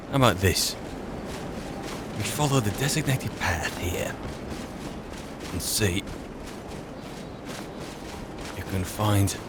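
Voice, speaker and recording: With background noise behind him, a low-pitched man plays a wry adventurer in a fantasy game for a let's play channel. He improvises narration in character, thinking aloud to himself and his companions.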